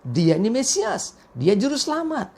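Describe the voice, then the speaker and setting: A woman pastor from Indonesia giving a morning devotional sermon as a lively storyteller, briefly acting out the people in the story. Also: fairly high pitch, moderate pace, slightly rough.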